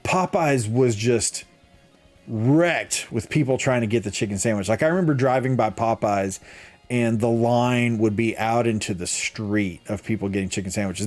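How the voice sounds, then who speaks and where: A man's voice: fairly low pitch, a little mellow. A young man hosting a casual podcast, rambling with lots of fillers, laughing often and reading out chat comments. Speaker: podcast host.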